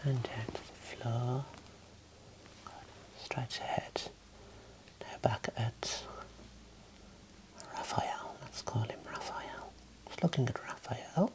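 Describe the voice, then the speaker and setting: In a gentle ASMR roleplay, a thirties-aged man acts as an eye examiner, whispering breathy instructions right up against the mic in a small room. He takes his time with long pauses, his voice sits in the mid-range, and the audio is poor.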